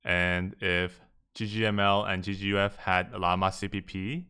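A man with a very low but bright voice narrates a screen tutorial. His tone is smooth and clear as he explains each term step by step, adding a few relaxed asides. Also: moderate pace. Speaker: tech explainer.

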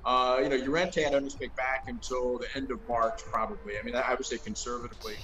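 A man's voice: mid-range voice, steady tone, fast talker, poor audio. A middle-aged man giving casual football analysis over a video call from a room at home, thoughtful and hedging with lots of fillers. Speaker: co-host analyst. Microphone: video call webcam.

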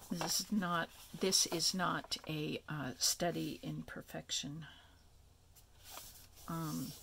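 A woman hosting a craft tutorial, explaining each step in a relaxed, chatty way with many ums and asides. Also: deep voice, vocal fry, background noise. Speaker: craft video host.

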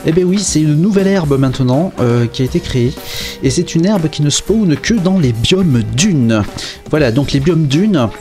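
Man, casual gameplay commentary, hesitant, lots of fillers, self-mocking asides, slightly high voice. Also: a little mellow. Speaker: game video presenter.

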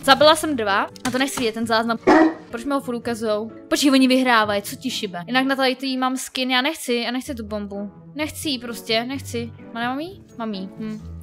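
A young woman giving flustered, excitable commentary while playing a shooter game, often shrieking and laughing, her throat sore from yelling. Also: on the high side. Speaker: gaming YouTuber. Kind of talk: casual gameplay commentary.

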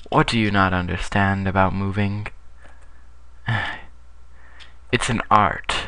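Slow-talking goofy young man gaming. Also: sits low, slight background noise. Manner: goofy, playful, with sudden loud yelps. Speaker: gamer. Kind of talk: casual gameplay commentary.

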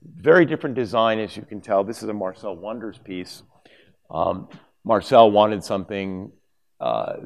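Middle-aged man, very low voice, conference presenter at a lectern, loose and conversational, trips over his words now and then. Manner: conversational, with many fillers and restarts. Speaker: conference speaker. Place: conference hall stage, at a lectern. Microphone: lapel mic.

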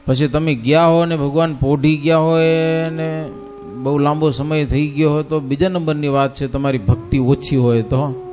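A man telling a devotional story in a folksy, animated way, often turning to listeners and breaking into sung verse. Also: fairly high pitch, moderate pace, faint music behind. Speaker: religious storyteller.

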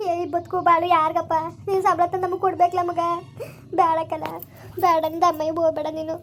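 A woman's voice: very high-pitched, level tone, quick pace, a little hiss or hum. A woman acting a village mother who pleads with and scolds her soldier son. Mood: pleading. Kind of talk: village family drama acting.

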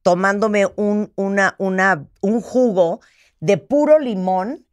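A woman with a Mexican accent hosting a radio talk show, telling stories in a lively, colloquial way. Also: medium pitch, slow pace, no room sound. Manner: lively, colloquial, chatty storytelling. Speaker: radio host. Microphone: studio microphone.

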